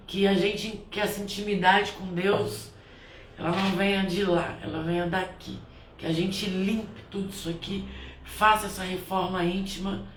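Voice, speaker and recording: A woman's voice: mid-range voice, a bit bright. A woman who performs spiritual blessings shares a heartfelt, rambling reflection at home, restarting her sentences often. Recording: roomy, distant from the mic, faint ambient noise.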